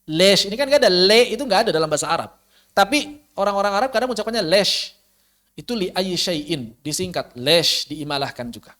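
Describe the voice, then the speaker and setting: A man's voice: high voice, expressive, fairly quick, bright, forceful tone. A man teaching recitation in an online lesson, explaining patiently and drawing out his examples over a video call.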